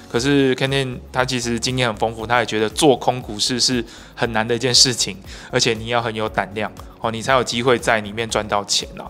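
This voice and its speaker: This interview host, a man in his thirties with a Taiwanese Mandarin accent, speaks in a mid-range, slightly bright voice. He fluently clarifies the guest's remarks for viewers, using sentence-final particles, into a handheld mic in a brightly lit office.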